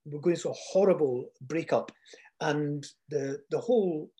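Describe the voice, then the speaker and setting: An older Scottish man tells reflective personal stories. His voice is high for a man, with a soft, mellow tone, and he speaks haltingly, pausing often.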